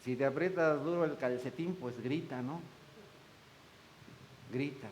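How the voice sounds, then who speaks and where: A man's voice: mid-range voice, unhurried, a little hiss or hum, rough recording. A man preaching a sermon in church, folksy, joking with the congregation and acting out the voices he quotes. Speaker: pastor.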